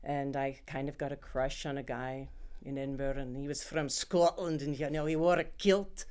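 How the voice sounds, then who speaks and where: A woman's voice: extremely low pitch, steady tone, normal speed, a little mellow, clean tone. A woman voice actor answering interview questions in a chatty way, breaking into playful imitated accents.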